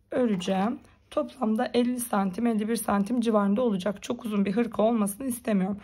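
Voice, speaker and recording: A woman with a hoarse, gravelly, cracking voice, giving informal step-by-step craft instructions as a tutorial host. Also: a little high, darkish tone. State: hoarse, strained voice from being unwell.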